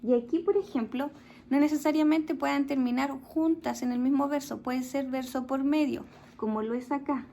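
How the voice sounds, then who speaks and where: A woman's voice: high voice, fairly even intonation, moderate pace, gravelly, mellow, a little hiss or hum. A woman teacher with a Chilean accent, giving a recorded class to children and explaining patiently step by step while asking her pupils questions. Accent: Chilean Spanish.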